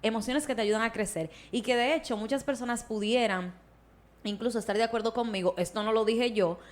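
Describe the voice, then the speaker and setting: A woman's voice: on the high side, fairly quick. A woman talks things through as a podcast guest. She explains patiently and in detail, now and then slipping into little acted-out quotes. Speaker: psychologist guest. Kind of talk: casual podcast conversation.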